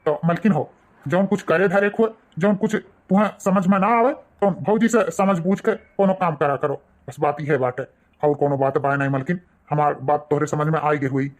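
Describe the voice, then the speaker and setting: A woman's voice: on the low side, natural voice. A woman voicing a young village husband in an Awadhi cartoon, placating and lecturing his wife in rustic dialect. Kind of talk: cartoon dialect comedy acting.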